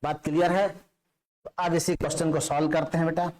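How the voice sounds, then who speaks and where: A man's voice: on the high side, level tone, a little fast, darkish tone. A male chemistry teacher giving a classroom lecture, explaining step by step and often checking that students follow.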